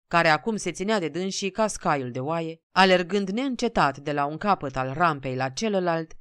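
A woman narrating a classic story as an audiobook, steady and expressive. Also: sits low, no echo, clean studio sound.

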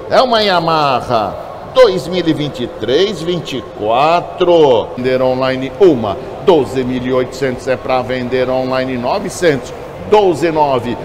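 Brazilian guy doing auctioneer bid calls, kinda slow and measured, repeats numbers, noisy background. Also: mid-range voice. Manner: repetitive bid calling, clipped number phrases. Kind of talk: live auctioneer chant, calling bids.

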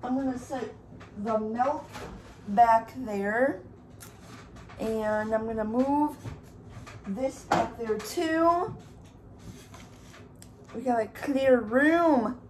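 Speaking extremely slowly with long pauses, a young YouTuber in a slightly high voice chats to her audience during a laid-back mukbang vlog. She makes chocolate milk and cuts pizza in a room at home as a TV plays faintly amid background noise.

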